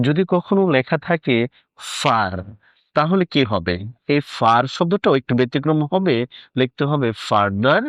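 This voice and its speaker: A man's voice: a little high, big pitch swings, normal speed, dry recording. A man teaching an English grammar lesson, talking to the student informally and asking then answering his own questions.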